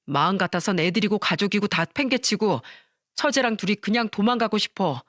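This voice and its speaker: Story role: woman as a coaxing, guilty husband trying to calm his wife, dry recording. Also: mid-range voice, brisk, no echo, lightly acted. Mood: placating. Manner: placating, coaxing. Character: cheating husband, a male teacher, placating.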